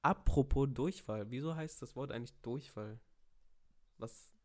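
Young guy rambling casually, slangy and animated, mid-pitched voice. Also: unhurried. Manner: chatty storyteller, slangy, animated quoting. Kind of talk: casual chat.

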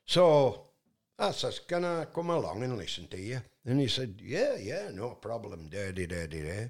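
A man from England, appearing as a guest, tells a long, rambling story in a loud voice, often restarting with fillers. He has a mid-range, sing-song voice at normal speed.

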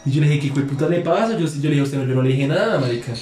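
A man's voice: mid-range voice, lively intonation, rapid-fire, a little mellow, echoey room, faint music behind. A young man telling a long story among friends, slangy and profane, acting out both sides of a quarrel. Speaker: podcast guest.

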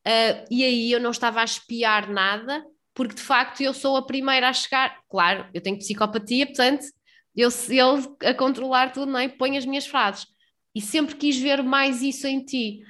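A woman's voice: high-pitched, steady tone, normal speed, sharp tone. A woman chatting casually in a talkative, slangy, emphatic way. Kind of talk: casual chat.

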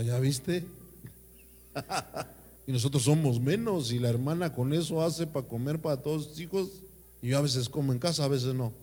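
A man, a pastor delivering an emphatic sermon with call-and-response. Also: a little high. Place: church. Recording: reverberant church hall.

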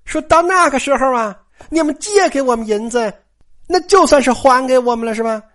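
Storyteller's take on a scheming noble lady steward; lively, coaxing, bossy. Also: high-pitched, brisk, pitched above the performer's own voice. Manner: sweet-talking, coaxing, then sharp and scolding. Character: sly, smooth-talking noblewoman steward of a great house. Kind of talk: storyteller acting a character.

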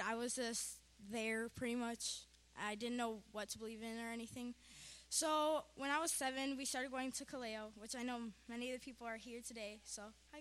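A woman's voice: on the high side, bright, forceful tone. A young woman giving a casual, emotional testimony before her baptism, giggling often. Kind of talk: personal testimony.

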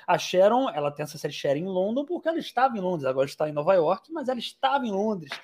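Casual podcast host, mid-pitched voice, easygoing, informal. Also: quick pace. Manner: relaxed, swears casually, asks questions. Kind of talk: casual interview chat.

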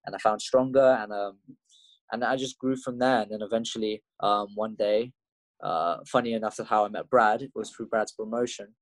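A young Russian man, an MMA fighter appearing as a guest, tells his story in English with an accent during a laid-back interview. His voice sits on the low side, steady in tone and moderate in pace, and he rambles with lots of fillers and restarts. The recording is dry and of poor quality.

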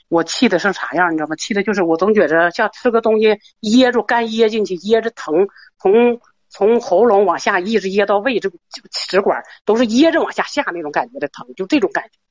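A woman's voice: medium pitch, lively intonation, quick pace, no echo, muffled recording. A middle-aged woman, calling in to an advice show and rambling nervously with many restarts. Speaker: caller. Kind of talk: call-in advice talk.

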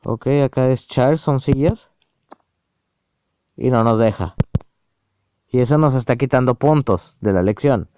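A man calmly walking through a language app on screen, explaining each step aloud. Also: mid-range voice, measured pace, pauses often, no echo. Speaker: app reviewer. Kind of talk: casual screen-recorded app walkthrough.

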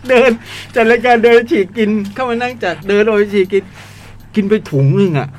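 A man co-hosting a radio show, chatting casually with lively laughter. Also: high-pitched, brisk. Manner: lively, animated, laughs loudly. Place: radio studio.

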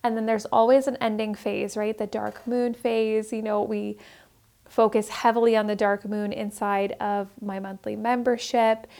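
A woman's voice: mid-range voice, level tone, normal speed, creaky, a little mellow. Earnest woman hosting a spiritual podcast. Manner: earnest, rambling, self-correcting. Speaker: podcast host. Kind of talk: casual spiritual podcast talk.

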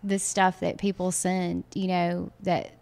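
A woman's voice: on the low side, flat delivery, unhurried, gravelly, a little mellow. A woman near forty with a Southern American accent, a wedding photographer chatting casually in an interview, filling her talk with "um" and "you know". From Mississippi. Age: late 30s.

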